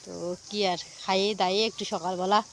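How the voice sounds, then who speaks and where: Chatty slightly hoarse mother vlogging. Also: mid-range voice, little pitch movement, quick pace, slight background noise. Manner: chatty, narrates what she is doing and repeats herself. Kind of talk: casual vlog narration to viewers.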